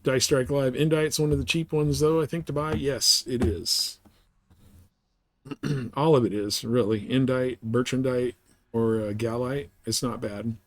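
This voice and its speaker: A man hosts a live game stream, chatting casually with viewers and giving advice in colloquial, explanatory language. His mid-range voice holds a steady tone at a measured pace, with a little hiss or hum in the audio.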